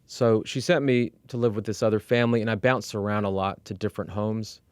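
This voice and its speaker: Fields: man, middle-aged, low clear voice, slow measured. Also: no room sound. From Iran. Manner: measured, steady, with frequent fillers and restarts. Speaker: interview guest; executive coach. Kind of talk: candid personal storytelling.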